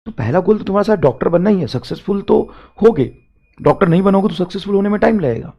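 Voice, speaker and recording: A young man teaching and giving a motivational talk to exam students, emphatic, repeating phrases and swinging between loud urging and quiet asides. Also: sits high, lively intonation, fast talker.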